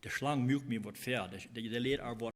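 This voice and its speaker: Male preacher, mid-pitched, halting sermon delivery with repeated phrases. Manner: halting, repeats phrases while explaining scripture.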